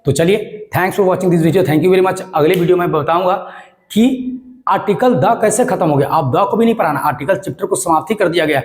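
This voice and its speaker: Emphatic male grammar teacher, higher voice. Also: normal speed. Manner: emphatic, asks and answers his own questions; repeats phrases and spells letters aloud. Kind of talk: classroom-style lesson.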